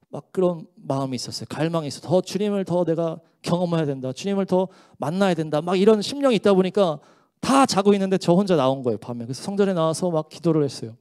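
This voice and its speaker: A man's voice: on the high side, a little mellow, smooth. A man pastor giving an earnest, emotional testimony during a church service. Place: church sanctuary during worship.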